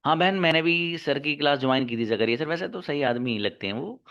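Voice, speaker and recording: A man's voice: a little high, brisk, fairly bright tone, clean tone. A male teacher mimicking a young female student who complains and makes lazy excuses, in a dull lo-fi recording. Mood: complaining.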